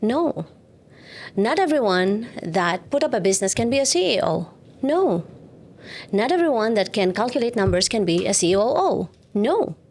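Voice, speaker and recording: A woman's voice: mid-range voice, very animated, moderate pace, a little mellow. A woman answers podcast questions as an entrepreneur guest. She drives home each point with firm repetition, lining up short statements and pressing on the key ones. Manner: emphatic, repeats points for stress. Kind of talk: interview answers.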